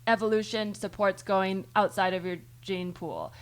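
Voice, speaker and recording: A woman's voice: medium pitch, fairly even intonation, normal speed, slight background noise. A woman hosting a podcast, thinking aloud in long rambling turns full of restarts and the odd swear word. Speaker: podcast host. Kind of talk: casual chat.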